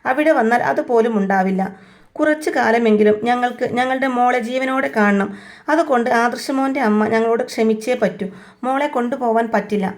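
A woman's voice: on the high side, a little fast, lightly acted. A woman voicing a protective, worried middle-aged mother who pleads anxiously.

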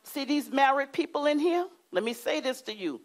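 Middle-aged woman preacher, lively delivery with wide pitch swings, emphatic, lapel mic. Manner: animated, emphatic, with dramatic pauses and shifts to a hushed voice. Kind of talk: sermon. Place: church studio with curtain backdrop.

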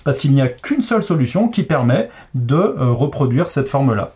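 A man's voice: medium pitch, big pitch swings, normal speed, warm tone. A man who designs games, patiently explaining how a logic puzzle works in a casual chat, with frequent fillers. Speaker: game designer. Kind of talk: explaining a board game casually.

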